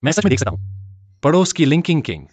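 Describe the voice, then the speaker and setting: A man's voice: on the high side, fast, slightly rough. A young man voicing an eager, earnest young hero in a dubbed drama. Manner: excitable, earnest.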